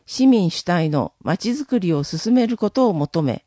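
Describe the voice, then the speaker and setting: A city council member delivering a formal prepared statement in a council session, reading it in a measured, official manner. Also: medium pitch, animated, dark tone, no echo, clean studio sound.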